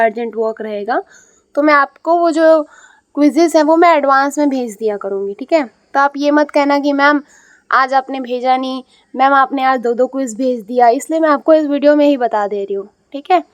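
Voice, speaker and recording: A woman with a high, darkish voice teaches young students to read English, explaining patiently and checking in often. She repeats herself and asks "ठीक है" to confirm they follow. There is no room sound.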